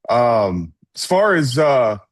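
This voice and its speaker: Deadpan Southern preacher man. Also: medium pitch, takes it slowly, no echo. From North Alabama. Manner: deadpan, playful, drawling. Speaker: preacher and guest. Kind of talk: casual interview talk.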